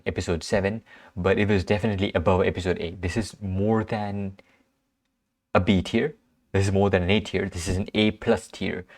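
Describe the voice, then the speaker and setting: A young man with a very low voice reviews an anime episode on his channel. He sounds sleepy and yawns between thoughts. His talk wanders, with stops and restarts. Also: a little mellow. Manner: rambling, with restarts and fillers. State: sleepy, yawning. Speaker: anime reaction channel host.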